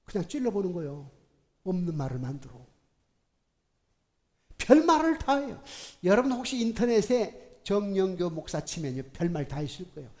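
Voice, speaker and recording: A middle-aged male pastor giving a sermon in a church, emphatic and colloquial, swinging between hushed and loud. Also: high-pitched, sing-song, normal speed. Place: church sanctuary. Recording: long hall reverb in a church.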